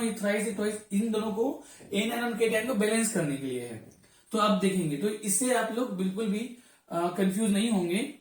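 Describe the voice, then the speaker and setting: A teacher giving a classroom chemistry lesson, calling students "beta" and often checking that they follow. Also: medium pitch. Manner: addresses students as 'beta', often checks understanding. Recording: very echoey room, voice far from mic.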